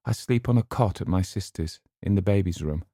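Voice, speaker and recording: A man reading an audiobook voices a young woman who laughs and pleads in a raised, high voice. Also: brisk, dark tone, no echo, clean studio sound. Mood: giddy pleading. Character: young woman, giddy and unmoored.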